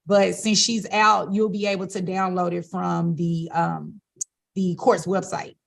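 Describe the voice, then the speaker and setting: Woman judge, gravelly voice, courtroom recording over a video call, procedural and measured. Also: lowish voice, flat delivery. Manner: procedural, measured, with brief fillers. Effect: courtroom recording of a virtual hearing.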